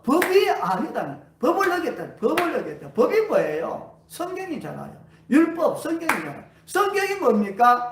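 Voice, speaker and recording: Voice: mid-range voice, distant mic, background noise. A pastor preaching a sermon at a healing revival, asking the congregation question after question. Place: church sanctuary. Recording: roomy church hall, voice away from mic.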